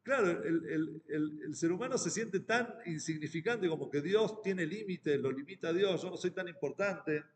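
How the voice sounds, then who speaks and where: A rabbi with an Argentine accent giving a Torah class, talking in a halting way with many restarts and fillers. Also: male voice, a little high, expressive, in a large hall. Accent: Argentine Spanish.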